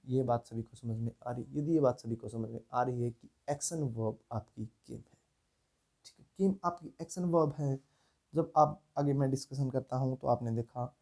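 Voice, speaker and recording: Male tutor, mellow and patient, steady classroom explainer who repeats key points. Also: medium pitch. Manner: repetitive checking-in, asks if students understand. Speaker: English grammar teacher. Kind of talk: classroom lesson explaining grammar.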